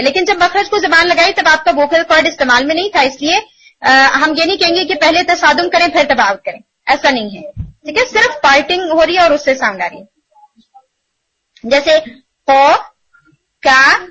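High bright-voiced woman teaching recitation. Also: dull audio. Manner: explanatory, asks students rhetorical checks, demonstrates syllables slowly. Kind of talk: online tajweed lesson in Urdu mixed with English.

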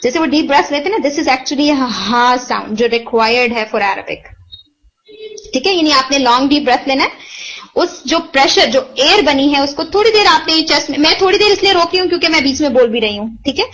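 A woman's voice: sits high, expressive, a little fast, a bit bright. A woman teaching Arabic pronunciation, patiently explaining and demonstrating the sounds in a mixed-language online lesson. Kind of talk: online lesson, Hindi-Urdu mixed with English. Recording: dull, muffled lo-fi audio.

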